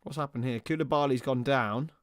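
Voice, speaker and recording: Speaking a little fast in a mid-range voice, a young man calls a football match live on a watchalong stream and chats with viewers. He's chatty, flipping between match calls and banter with chat in casual commentary. The recording is dry, with studio quality.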